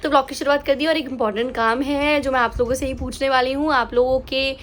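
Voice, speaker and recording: A woman's voice: high-pitched, quick pace. A young woman and new mother chatting casually to her viewers in a vlog, switching freely between Hindi and English phrases and telling stories with animation. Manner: animated storytelling. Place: at home.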